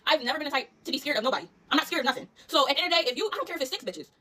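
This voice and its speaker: A young woman with a Philadelphia accent, telling a storytime in a rapid, animated, profane slang-filled way. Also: high-pitched. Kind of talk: casual storytime vlog.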